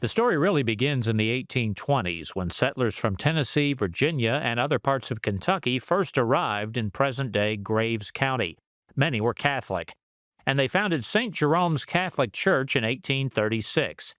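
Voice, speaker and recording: A man reporting a scripted history segment for a news program, with lively storytelling delivery. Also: medium pitch, normal speed, dry recording, clean studio sound.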